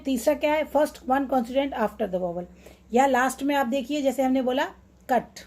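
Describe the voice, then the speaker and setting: Woman teaching spelling rules, mellow. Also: fairly high pitch. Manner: mixes Hindi and English, repeats example words slowly. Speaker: English teacher. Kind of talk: explaining phonics rules with examples.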